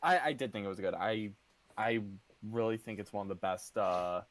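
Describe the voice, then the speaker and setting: A young man co-hosting a casual podcast, giving halting, hesitant opinions. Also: on the low side, dry recording. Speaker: podcast co-host. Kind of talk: casual chat.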